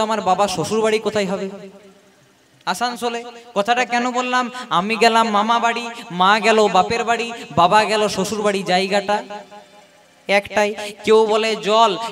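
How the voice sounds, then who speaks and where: A man, a kirtan singer and preacher giving a devotional sermon, addressing listeners as mothers and fathers and posing rhetorical questions. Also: high voice. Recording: live performance with loud instrument accompaniment. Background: devotional instruments playing.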